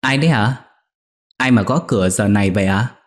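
A man voicing a coy, scheming young female servant girl who whimpers and pleads in a high voice. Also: a little fast, lightly acted. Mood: coy, fearful.

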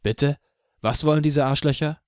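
A man voicing a laid-back male band member who talks in a gruff, cursing way. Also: a little high, steady tone, moderate pace, no room sound, studio quality, pitched above the performer's own voice, lightly acted. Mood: indignant.

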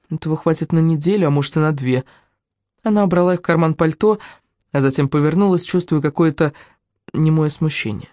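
A woman narrating an audiobook in an even, measured storytelling manner. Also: low voice, no echo, clean studio sound.

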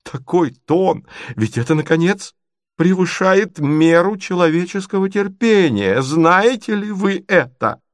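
A man voicing a hot-tempered young gentleman, jilted and indignant, with drawn-out shouted outbursts in a storybook reading. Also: medium pitch, vocal fry, no echo, clean studio sound, lightly acted. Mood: outraged.

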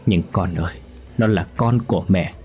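A man's voice: low voice, moderate pace, darkish tone, soft background music, lightly acted. A man voicing the ghost of an old mother in a spoken ghost story, tender and pleading. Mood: sorrowful.

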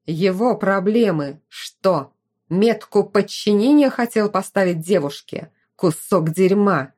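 A hot-tempered young fire mage growls and snaps his threats in slow, weighty phrases, as a woman reader puts him on. His tone sits low and mellow rather than sharp. He is a protective figure in a fantasy audiobook. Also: natural voice. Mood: furious, growling. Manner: growling, snapping.

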